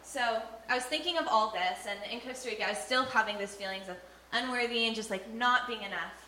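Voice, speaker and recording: A young woman shares an earnest, heartfelt testimony of her faith in a fairly high, sharp voice, speaking a little fast. She uses frequent fillers, and the recording has an echoey room with faint ambient noise.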